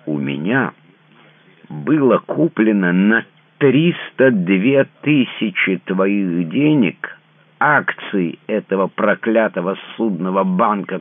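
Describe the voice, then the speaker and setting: A man's voice: low voice, no echo, voice pushed up, heavily acted. A man voicing a distraught, melodramatic man who moans and sobs over his ruin, in a dry, narrow, phone-like recording. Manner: moaning, tearful, theatrical despair.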